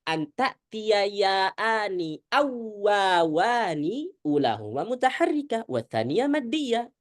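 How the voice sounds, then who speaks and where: Woman, recitation teacher, low voice, animated, checks understanding often, video call, dry. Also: no room sound. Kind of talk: online tajwid lesson.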